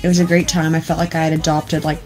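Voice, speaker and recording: A woman's voice: deep voice, flat delivery, fast talker, a little mellow, soft background music. A young woman chatting casually in a travel vlog, upbeat and giggly. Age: young adult. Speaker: vlogger.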